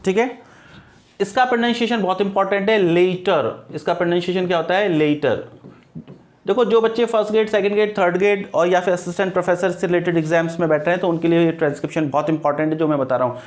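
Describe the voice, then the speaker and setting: High-pitched male grammar teacher with a Hindi-speaking Indian English accent, middle-aged, drills points by asking and answering his own questions. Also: quick pace. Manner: repeats key points as questions and answers them. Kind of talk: exam-prep lecture.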